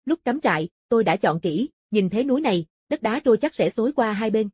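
A woman's voice: a little high, animated, quick pace, darkish tone, husky, no echo, clean studio sound. A woman voicing a stern, reserved female camp instructor in a storybook reading, talking in a curt, businesslike way.

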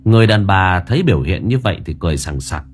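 A man's voice: deep voice, expressive, fast talker, a little hiss or hum. A man narrating an audiobook story in a dramatic storytelling manner.

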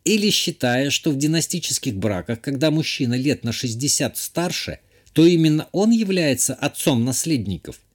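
A man voicing a proud, irritable young noblewoman, a countess, in an audiobook. He gives her a sharp, reproachful way of talking. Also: fairly high pitch, animated, normal speed, hardly any pauses. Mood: indignant.

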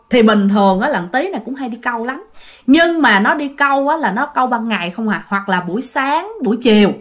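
A woman's voice: fairly high pitch, fairly bright tone. A woman hosting a channel and telling a ghost story in a chatty way, often speaking straight to her listeners. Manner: chatty, addresses listeners directly. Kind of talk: spoken ghost story narration.

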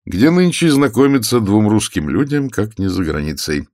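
A man voicing a calm, ironic gentleman detective who speaks in a dry, composed way. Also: lowish voice, moderate pace, lightly acted.

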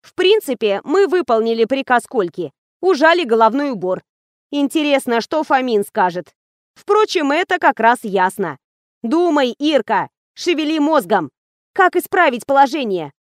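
A brash, irritable young office worker, put on by a woman reading aloud in an audiobook. She snaps and scolds in a raised, lively voice that jumps around a lot. The delivery is dry and close. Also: high voice, moderate pace, no room sound, voice pushed up. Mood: sarcastic. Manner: snappy, scolding.

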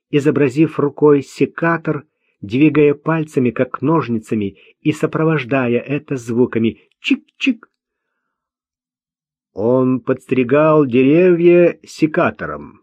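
Slow-reading male audiobook narrator. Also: medium pitch, darkish tone, no echo. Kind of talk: scripted narration. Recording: dull dry lo-fi recording.

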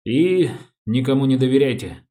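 A man voicing a calm, businesslike male police detective who asks polite, measured questions in an audiobook. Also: medium pitch, close to an everyday voice. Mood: advising.

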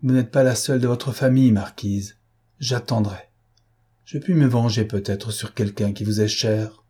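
A man's voice: medium pitch, moderate pace, dark tone, husky, natural voice. A man reading an audiobook, playing a vengeful, brooding Spanish man who speaks in a cold, solemn, threatening way. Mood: menacing.

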